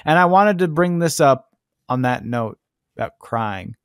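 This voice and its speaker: A young man co-hosting a casual podcast chat, joking and slipping into high mocking voices. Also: lively intonation, measured pace, a bit bright, clear, resonant tone, dry recording, clean studio sound. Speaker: podcast co-host.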